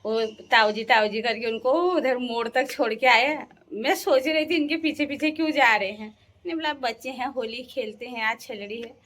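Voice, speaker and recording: A young woman from the Uttarakhand hills, a vlogger with a fairly bright, high-side voice, chats casually with her viewers and tells stories. She laughs often and slowly sings folk songs.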